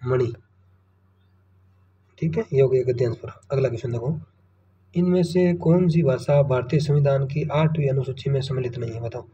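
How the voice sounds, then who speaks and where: A man's voice: mid-range voice, moderate pace, pauses often, warm tone, far from the mic. A man teaching, working through exam questions one by one and thinking aloud over each option, often checking in with his students. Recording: muffled, from the mic, faint room noise.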